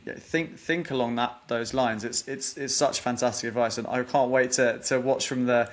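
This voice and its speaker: A man hosting a podcast interview, earnest and appreciative, often repeating words as he talks. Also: mid-range voice. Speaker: podcast host. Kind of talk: interview wrap-up, asking questions.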